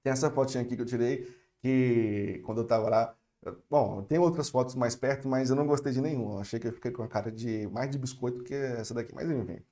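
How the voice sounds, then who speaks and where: A young man from Brazil gives an online French lesson, with a mellow, relaxed tone at a middle pitch. He talks patiently and slows right down to model phrases for his students to repeat. He keeps checking that they are following along. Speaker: French teacher.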